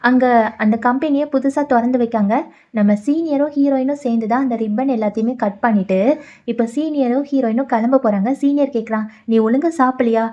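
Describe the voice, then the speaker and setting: A woman's voice: a little high, fairly quick, warm tone, dull audio. A woman casually retelling the plot of a drama in chatty storytelling. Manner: chatty storytelling, voices the quoted lines lightly.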